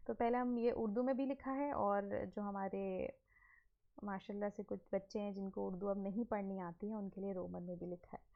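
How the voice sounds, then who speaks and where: A woman's voice: medium pitch, steady tone, normal speed, vocal fry, muffled recording. A woman, teaching from slides, mixing English phrases into Urdu and asking and answering her own questions. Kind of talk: explaining a slide lesson.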